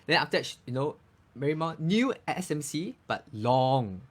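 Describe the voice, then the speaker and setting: Man explaining, lively pitch. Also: normal speed. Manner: explanatory, frequent restarts and "you know". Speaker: voice coach and actor, guest. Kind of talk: casual interview chat.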